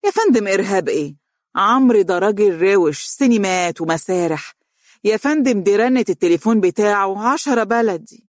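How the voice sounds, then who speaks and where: A narrator voicing an assertive, impatient woman with high connections, in Egyptian Arabic, for an audiobook. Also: expressive, no echo, studio quality, close to an everyday voice. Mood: assured. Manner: brisk, assertive, agitated. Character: forceful, well-connected woman engineer, impatient.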